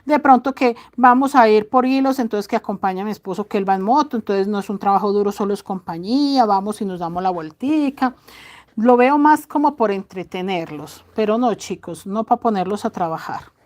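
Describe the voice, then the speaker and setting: A middle-aged woman chatting casually to her viewers, loud-voiced and fond of affectionate diminutives. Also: mid-range voice, brisk. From Colombia. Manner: speaks loudly. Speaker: crochet channel host.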